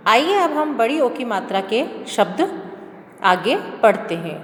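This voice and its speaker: A woman teaching young children to read, sounding out words slowly, one syllable at a time. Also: on the high side, very animated, fairly bright tone. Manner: slow, drawn-out syllable-by-syllable word reading. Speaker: primary school teacher. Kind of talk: classroom reading lesson for children. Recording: echoey room with long reverb and faint hiss.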